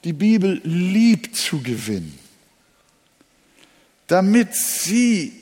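A man's voice: sits high, sing-song, very slow, darkish tone, slightly rough. A male pastor preaching a sermon, leaning hard on single words and repeating key phrases. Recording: long hall reverb.

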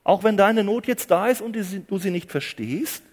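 Guy preaching a sermon, highish voice going all over, long echo like a big church hall. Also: expressive, moderate pace. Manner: dramatic, swings between hushed low phrases and loud emphatic cries; repeats phrases for emphasis.

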